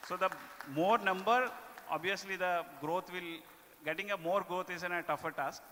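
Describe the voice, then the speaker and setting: A man with an Indian accent giving a corporate performance presentation to staff, speaking haltingly and often tagging his phrases with "okay". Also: high voice, fairly even intonation, pushed and bright, slight background noise. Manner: halting delivery with repeated "okay" tags. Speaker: business presenter. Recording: echoey hall with long reverb.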